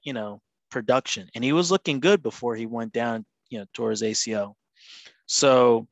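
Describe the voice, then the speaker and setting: A man's voice: mid-range voice, no room sound, low-quality recording. Guy on a podcast call rambling about picks, lots of "you know", dead dry sound. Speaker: podcast co-host. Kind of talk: casual fantasy football chat.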